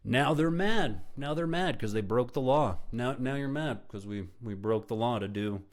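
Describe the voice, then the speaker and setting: A man's voice: mid-range voice, moderate pace. A man streaming live, giving heated, profane, sarcastic commentary while reacting to videos.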